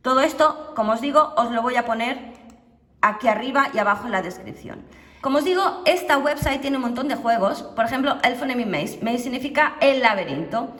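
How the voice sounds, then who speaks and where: A young woman, giving a casual, slangy online English lesson in a lively, chatty way. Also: fairly high pitch, fairly quick, roomy sound, long reverb tail. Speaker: English teacher.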